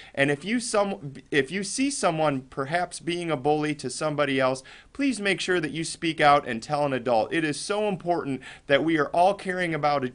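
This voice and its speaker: An American man with a fairly high voice delivers upbeat morning announcements at a school. He addresses the children directly and encourages them as he goes. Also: fairly bright tone. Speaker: elementary school staff announcer and club leader.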